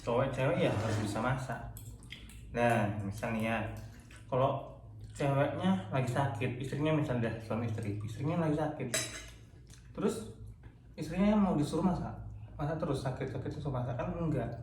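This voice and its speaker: A man's voice: mid-range voice, moderate pace, pauses often, darkish tone. A man in casual conversation, explaining his view in simple, repeated phrases. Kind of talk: casual chat. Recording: echoey room with faint noise.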